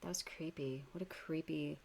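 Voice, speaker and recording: A woman's voice: low-pitched, steady tone, normal speed, vocal fry, a crowd in the background. A pregnant woman from Canada giving dry, sarcastic reaction commentary on a vlog.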